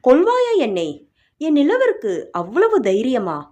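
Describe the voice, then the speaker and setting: A woman's voice: sits high, wildly swooping pitch, a little slow, darkish tone, highs cut off, full character voice. A woman voicing a patient, affectionate young man who speaks in a soothing, teasing way. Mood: tender. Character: gentle patient young man, tender suitor.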